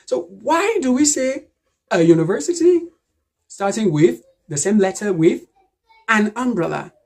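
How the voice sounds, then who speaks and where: A woman's voice: medium pitch, darkish tone. A woman teaching an English lesson online, emphatic and repeating key words to drill them. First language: French.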